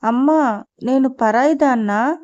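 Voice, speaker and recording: A woman narrator voicing a lively young working woman, the eager eldest daughter of a large family. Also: high voice, measured pace, dull audio.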